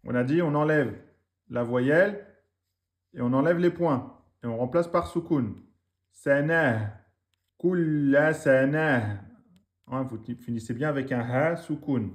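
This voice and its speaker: A man teaching a reading lesson, slowly drilling words syllable by syllable, with quick asides in between. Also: mid-range voice. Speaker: Arabic teacher.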